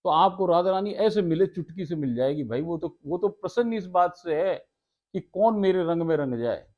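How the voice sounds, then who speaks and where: A man's voice: sits high, lively intonation, moderate pace, narrow, tinny audio. A man, giving a devotional talk, chatting casually and laughing often between passages he reads out. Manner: homely, laughs often, addresses listeners as sarkar. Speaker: devotional storyteller. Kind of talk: devotional talk mixing casual asides with read scripture.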